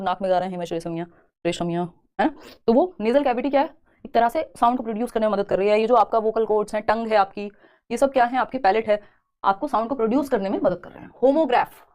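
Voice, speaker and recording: A woman's voice: fairly high pitch, darkish tone. A woman teacher with an Indian accent giving an exam-prep lecture, asking questions and answering them herself. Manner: explains in Hindi mixed with English terms, asks and answers her own questions.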